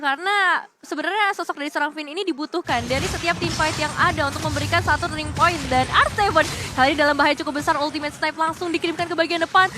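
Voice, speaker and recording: A woman giving live esports commentary on a game match as a caster. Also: sits high.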